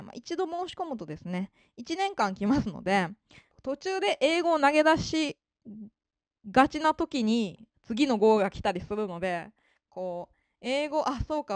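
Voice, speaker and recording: A woman explaining how to learn a language in a relaxed spoken lesson. Her pitch rises and falls a lot as she talks, and she stays polite, with many fillers. The recording is dry and close. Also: dry recording. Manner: polite, with frequent fillers and emphatic ですね. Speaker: English-learning advisor.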